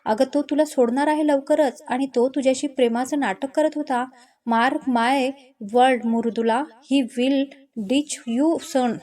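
A jealous, scheming young man who coaxes and sneers in a spoken love story, as a woman storyteller puts him on. The voice stays high and mellow, with no deepening for the man. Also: fairly even intonation, slow pace. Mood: sneering. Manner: coaxing, then sneering.

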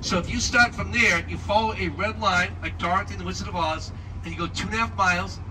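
A man's voice: sits high, steady tone, quick pace. A man working as a tour guide, giving joking live commentary like a showman and quizzing his listeners. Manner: showman-like, quizzing the listeners with short check questions. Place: moving tour vehicle in city streets. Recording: distant mic, loud traffic and vehicle noise. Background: loud engine and street traffic noise.

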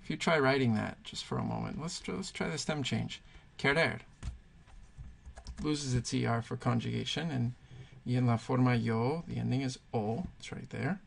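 A man's voice: mid-range voice, normal speed, creaky, a little hiss or hum. A man teaching Spanish verb conjugations, patiently thinking aloud and pointing things out as he writes. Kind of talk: explaining grammar at a whiteboard.

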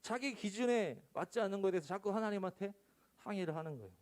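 A man in his thirties preaching to teenagers at church in a relaxed, chatty way. His voice sits fairly high and swings widely up and down as he acts out scenes. He sounds like a youth pastor talking with his students. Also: fast. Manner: chatty, animated, acts out dialogues in the sermon. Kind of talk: casual sermon to high school students.

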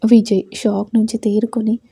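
Husky-voiced woman telling a story. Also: medium pitch, flat delivery, moderate pace, warm tone, no room sound. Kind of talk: scripted narration of an audio story.

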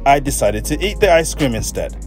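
A man in his thirties reviewing a flight in a measured, matter-of-fact way, filmed on a phone in an airplane cabin. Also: mid-range voice, sing-song, music in the background. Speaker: travel vlogger. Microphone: phone held at arm's length.

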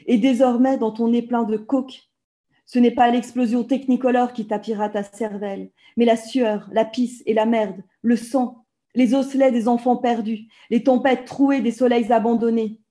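A woman in her thirties gives an intense, rhythmic reading of her own poetry, each phrase falling like a chant. Her voice is very dark and mellow, and it comes through a laptop microphone on a video call from a room at home. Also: a little high, steady tone, moderate pace. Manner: intense, rhythmic incantatory delivery. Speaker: author reading her work. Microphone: video call laptop mic.

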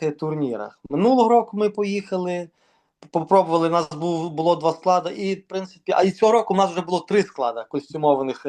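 A man from Ukraine, a volleyball organizer, talking casually in an interview and pausing often with fillers and restarts. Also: on the high side, darkish tone. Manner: hesitant, many fillers and restarts.

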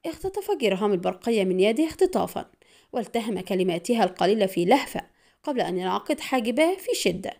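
A woman narrating an audiobook spy thriller in a brisk, dramatic storytelling manner. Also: medium pitch, big pitch swings, vocal fry, a little mellow.

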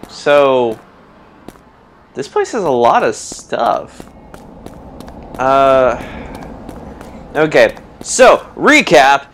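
A man hosting a let's play, reacting excitably to the game in casual commentary. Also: high-pitched, a little hiss or hum. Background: game music.

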